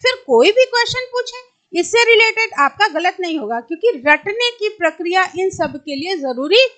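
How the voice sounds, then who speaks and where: A woman teaching an exam-prep grammar lesson, patiently repeating each word slowly and asking and answering her own questions. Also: very high voice, animated, fairly bright tone.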